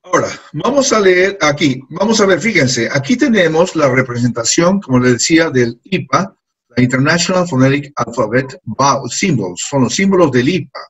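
A man teaches a classroom lesson. His voice sits a little high and sounds husky and breathy. He repeats words patiently for his students. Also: expressive, normal speed, low-quality recording. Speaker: English teacher.

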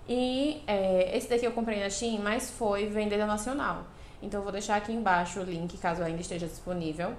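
A woman's voice: medium pitch, a little hiss or hum. A young woman vlogging a casual clothing try-on, chatting straight to her viewers with lots of cute diminutives, recorded on a lapel mic in her living room. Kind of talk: casual try-on haul vlog. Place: apartment living room by a balcony window. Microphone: clip-on lapel mic.

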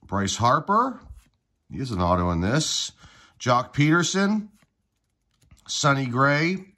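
Still stuffy from a cold, a man runs through player names while casually opening card packs at an indoor table for his collecting channel. He speaks slowly and relaxed, in a medium-pitched voice.

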